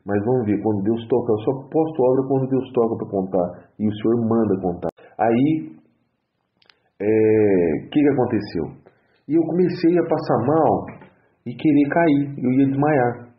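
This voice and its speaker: A Brazilian man giving an earnest religious testimony, repeating his exhortations over and over. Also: medium pitch. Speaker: church member giving testimony. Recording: tinny phone-like audio in an echoey room.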